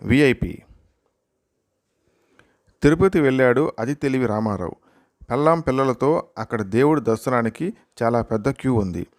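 Guy reading jokes for his channel, calm storyteller pace, middle voice, dry close mic. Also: medium pitch, no room sound. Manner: plain unhurried storytelling, reads every part in his own voice. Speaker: joke channel host and reader.

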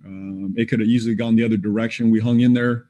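A basketball head coach in his forties fields questions at a postgame press conference over a video call, indoors in front of a team backdrop. He answers in a measured, plain-spoken way with frequent fillers, in a lowish, steady, warm voice. The audio is dull.

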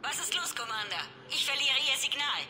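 A woman's voice: sits high, expressive, a little fast, over music. An actress voicing a worried female crew member calling over a breaking-up space radio signal in a video game. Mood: concerned.

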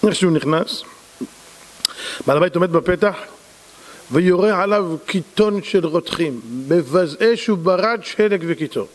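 High-voiced rabbi preaching in a hall. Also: male voice. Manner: animated, acts out characters. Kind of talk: sermon with dramatized storytelling. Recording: long hall reverb.

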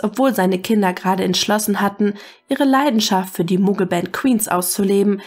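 A woman reading fan fiction aloud as a steady, even storyteller. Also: medium pitch. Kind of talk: scripted narration.

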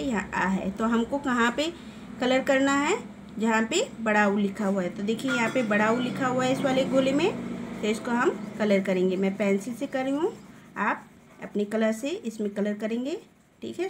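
A woman's voice: on the high side, background noise. Patient woman teaching small children. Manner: patient and slow, repeats "okay" and draws out vowel sounds. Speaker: primary school teacher. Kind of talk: recorded lesson for young children.

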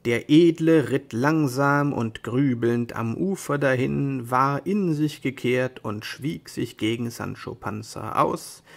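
A man reading an old fairy tale aloud in a measured storybook manner. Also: medium pitch, creaky.

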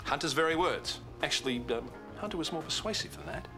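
An actor plays a wry, measured businessman boss in a TV soap, dry and deliberate. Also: on the high side, lively intonation, over music. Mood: dry, needling. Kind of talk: naturalistic TV soap acting.

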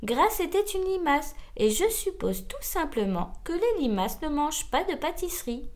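A woman reading a children's picture book aloud in a slow, theatrical way. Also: sits high, sing-song. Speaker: storybook reader.

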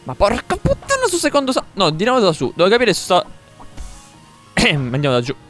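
A young man commentating his own gameplay live, excitable, repeating words in quick bursts and swearing when things go wrong. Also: high-pitched. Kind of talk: live let's-play commentary. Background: game music.

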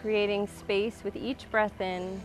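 A woman yoga instructor calmly leading a slow, grounding breath and body awareness exercise in a guided class. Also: mid-range voice, rough recording. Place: outdoor waterside wooden deck.

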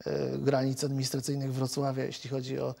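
A man in his forties, a member of parliament, answering questions in a TV studio interview in a measured, hesitant way with many filler sounds. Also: mid-range voice, monotone, gravelly, darkish tone. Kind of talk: televised political interview. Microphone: lapel mic.

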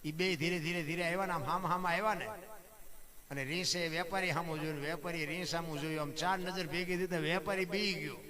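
A man with a Saurashtra Gujarati accent tells a folk tale on a live stage, his voice sitting high and climbing into loud, dramatic bursts as he acts out each character. The crowd can be heard clearly behind him. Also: brisk. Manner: animated, acting out characters with rising loud bursts. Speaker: folk storyteller.

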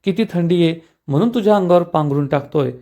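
A man's voice: on the high side, animated, quick pace, dark tone, close to an everyday voice. A man voicing a stubborn, teasing young husband from a TV serial, speaking in a coaxing, playful way.

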